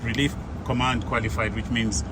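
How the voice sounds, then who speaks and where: Male captain, mid-pitched, teasing and upbeat, heavy flight-deck engine hum. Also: little pitch movement, moderate pace. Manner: chatty, teasing, enthusiastic. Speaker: training captain. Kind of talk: casual cockpit chat. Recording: loud engine and cockpit noise.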